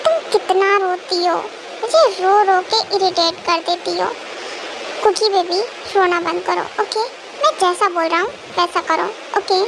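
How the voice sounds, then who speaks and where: A short-tempered young mafia king barks orders and scolds, as a woman acts him out. The voice sits high with a gravelly edge. The homemade audio drama is noisy, with faint traffic behind. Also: unhurried. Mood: grudging. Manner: scolding, impatient commands.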